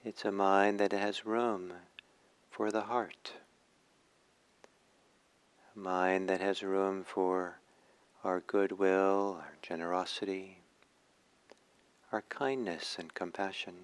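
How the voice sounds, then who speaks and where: A man leading a guided meditation as a teacher, speaking in short phrases with hushed pauses between them. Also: sits low, steady tone, clear, resonant tone.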